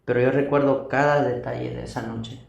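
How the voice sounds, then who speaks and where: A young man recounts a personal testimony, earnest and repetitive. His gravelly voice stays flat in tone. He sounds set back from the mic in a roomy, echoing space. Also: mid-range voice, fairly quick, lo-fi sound. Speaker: guest giving testimony. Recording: distant echoey room mic.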